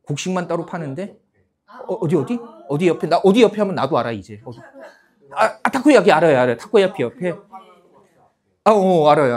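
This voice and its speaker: A man in his fifties lecturing a class of exam-takers, chatty, checking in with the room and acting out students' lines. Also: fairly high pitch. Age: 50s. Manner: animated, acts out students in put-on voices.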